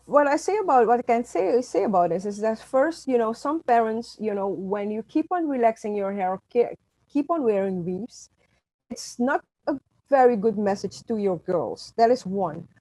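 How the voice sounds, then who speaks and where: As an interview guest discussing her work as an author, this middle-aged Surinamese woman, a native Dutch speaker, is emphatic and often restarts. Her voice is a little high, animated and dark-toned at a moderate pace, with no room sound and poor audio.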